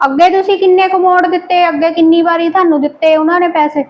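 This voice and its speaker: A woman's voice: a little high, steady tone, moderate pace, dull audio, close to an everyday voice. A woman playing a protesting, put-upon poor wife. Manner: protesting, plaintive. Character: poor wife pressed by her husband, lamenting her fate. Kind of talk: amateur family drama acting.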